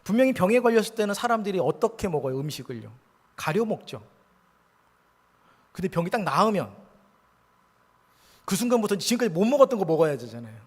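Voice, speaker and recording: A male pastor preaches in a high, bright voice. He delivers an earnest sermon that swings from hushed near-whispers to emphatic rises. His voice rings with the long reverb of a church hall. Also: big pitch swings, fairly quick, pauses often, husky. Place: church sanctuary.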